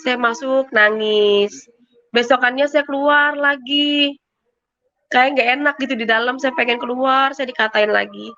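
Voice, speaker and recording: A woman's voice: high voice, unhurried, pushed and bright. A woman giving a personal faith testimony, telling her story emotionally in a casual, repetitive way. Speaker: testimony giver. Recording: muffled lo-fi sound.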